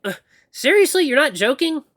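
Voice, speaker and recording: Sounding incredulous, a man performs an exaggerated voice as a young, sensitive apprentice runner in an audio story. The high, highly animated delivery stammers, stays expressive and quickly slides into sweary exasperation. It's studio quality with no room sound.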